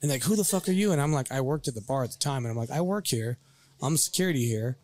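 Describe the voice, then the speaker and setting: A man telling a bar fight story on a podcast in a casual, animated way. He swears freely and acts out the lines the others said. His voice sits at an ordinary middle pitch. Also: fast.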